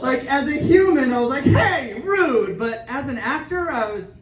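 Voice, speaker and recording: A man's voice: very high voice, animated, normal speed, background noise. Young male stand-up, self-deprecating and rambling; room echo and a far mic. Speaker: stand-up comedian. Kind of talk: stand-up comedy set. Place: comedy club stage. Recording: echoey club from far off, with crowd. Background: audience laughter.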